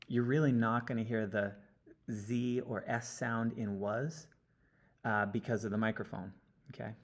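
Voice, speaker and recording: A man talking through an audio analysis step by step, often checking in with a quick "okay?". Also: medium pitch, steady tone. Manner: explanatory, checks in with frequent "okay?". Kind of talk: screen-recorded audio analysis walkthrough. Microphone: computer mic, sitting close.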